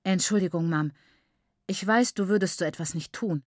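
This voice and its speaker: A woman's voice: fairly low pitch, moderate pace, a little mellow, no echo, clean studio sound, natural voice. A woman reading aloud voices a headstrong, defiant teenage girl who talks in agitated, rising bursts. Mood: pleading.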